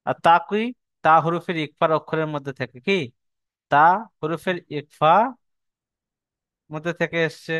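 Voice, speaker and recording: Patient, clear-voiced male tajweed teacher. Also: a little high, fairly bright tone, no echo. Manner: patient, repetitive explaining, spelling out syllables slowly. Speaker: Quran recitation teacher. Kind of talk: online tajweed lesson.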